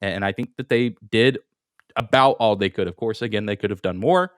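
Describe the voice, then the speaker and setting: A brisk, fairly low-pitched man co-hosts a sports podcast in a dry, studio-quality recording. His casual, hedging chat often has him repeating his first words as he thinks aloud.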